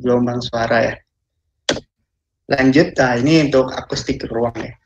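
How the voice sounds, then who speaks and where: A young man walks through a study presentation in a loose, chatty way, dropping "ya" after nearly every phrase. His delivery stays fairly flat. The call audio sounds a little dull, with faint noise behind him. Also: medium pitch, unhurried. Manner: relaxed, many fillers and tag "ya". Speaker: student presenter. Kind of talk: casual online presentation.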